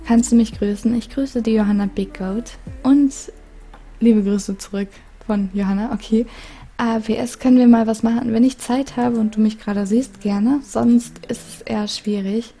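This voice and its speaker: A woman YouTuber with a calm, soothing voice, casually reading viewer letters aloud and giggling often. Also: fairly high pitch, normal speed, slightly rough. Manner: giggly, reads letters aloud with frequent laughs. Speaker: gaming YouTuber.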